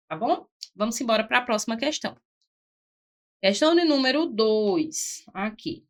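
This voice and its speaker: Woman teacher, fairly high voice, didactic exam-prep delivery that breaks words into syllables. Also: fairly bright tone. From Brazil. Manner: didactic, spells out syllables, frequent "ó" and "certo?". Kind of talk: exam-prep grammar lesson.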